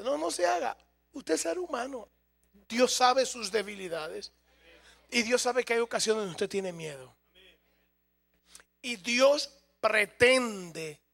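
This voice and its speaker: A man's voice: sits high, creaky, fairly bright tone. A man preaching a sermon as a pastor, humorous and speaking straight to his congregation.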